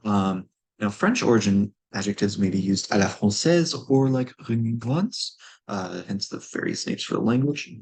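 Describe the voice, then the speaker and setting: A man's voice: fairly low pitch, moderate pace, a little mellow, slightly rough. A man casually explaining a constructed language, sounding out syllables one by one with lots of ums and uhs and a dry, nerdy enthusiasm. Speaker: conlang presenter.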